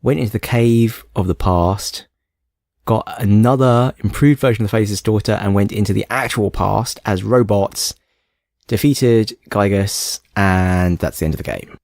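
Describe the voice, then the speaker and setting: A man's voice: on the low side, normal speed, creaky, darkish tone, no room sound, studio quality. A young man co-hosting a podcast in casual chat, playful and self-mocking with a snarky streak. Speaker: podcast co-host.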